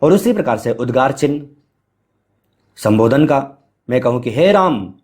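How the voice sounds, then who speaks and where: A teacher delivers a Hindi grammar lecture in an animated, mid-range voice with a dark tone and moderate pace. He explains step by step, poses rhetorical questions and answers them himself, uses frequent filler sounds, and chants Sanskrit verse at varying speeds.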